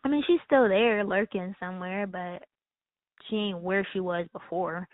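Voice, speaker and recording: A woman's voice: medium pitch, normal speed, no echo. A woman co-hosting a podcast, chatting casually in a rambling, easygoing way. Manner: chatty, rambling, laughs easily. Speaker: podcast co-host. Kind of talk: casual chat. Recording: tinny phone-like sound, dry.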